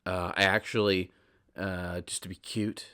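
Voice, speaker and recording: A man hosts a solo podcast, his low, smooth, fairly bright voice moving unhurriedly with little pitch variation. His talk is casual, rambling and conversational. He often corrects himself and drifts off into asides.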